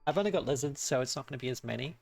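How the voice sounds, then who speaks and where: Over background music, this Australian streamer talks very fast in a gravelly, mid-range voice with a breathy edge. It's relaxed gameplay commentary as he muses aloud over strategy decisions and keeps correcting himself.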